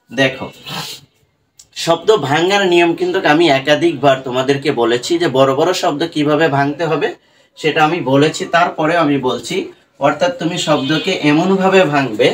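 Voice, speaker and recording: A man teaching English pronunciation to students, explaining rules slowly and repeating sounds syllable by syllable. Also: a little high, recorded from a distance, slight background noise, rough recording. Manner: slow and repetitive, breaking words into syllables.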